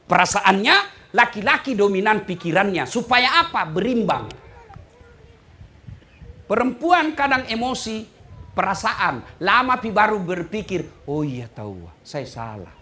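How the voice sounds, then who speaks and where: A man preaching a humorous sermon. His voice is bright and sharp, and it swings widely up and down as he bursts into loud emphasis. He breaks into snatches of sung song. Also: sits high, animated, measured pace.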